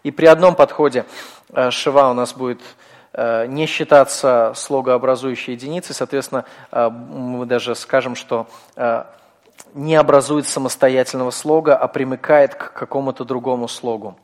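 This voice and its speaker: A man's voice: medium pitch, fairly even intonation, moderate pace. Patient male teacher in a reverberant hall. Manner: patient, explanatory, with frequent fillers. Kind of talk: classroom lecture.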